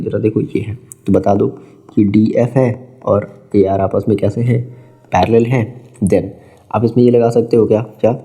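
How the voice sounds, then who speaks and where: This male math teacher has a mid-range, dark-toned voice. He walks through a geometry lesson step by step, quizzes his students, and blends Hindi with English terms.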